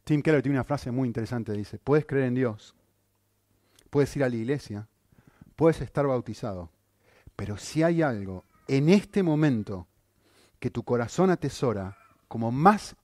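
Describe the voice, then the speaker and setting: A male pastor preaching a sermon, animated, with rhetorical questions and frequent checks on his listeners. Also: medium pitch, unhurried, pauses often, dry recording, clean studio sound.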